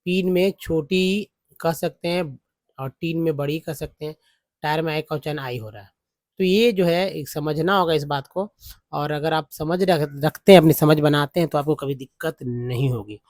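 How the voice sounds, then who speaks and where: A man's voice: a little high, moderate pace, a little mellow, dry recording. A man teaching a lesson in a patient, repetitive way, with many fillers. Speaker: English teacher. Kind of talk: spoken Hindi lesson on English vowel sounds.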